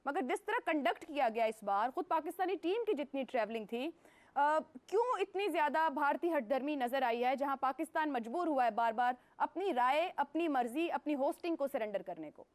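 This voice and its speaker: A woman anchoring a news talk show, putting formal, measured questions to her guests. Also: high-pitched, expressive.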